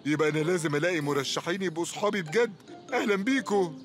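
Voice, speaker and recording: An actor with an Egyptian accent voicing an excitable, whiny cartoon best friend who cries out dramatically. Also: male voice, a little high, racing, soft background music, close to an everyday voice. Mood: chatty. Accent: Egyptian Arabic. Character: excitable clingy young man, best friend. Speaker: cartoon dub character.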